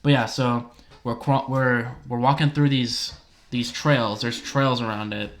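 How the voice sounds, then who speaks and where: A young man co-hosting a casual podcast, excitedly retelling a story, swearing often and acting out his friends' lines. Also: mid-range voice, a little slow. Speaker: podcast co-host. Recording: roomy echo.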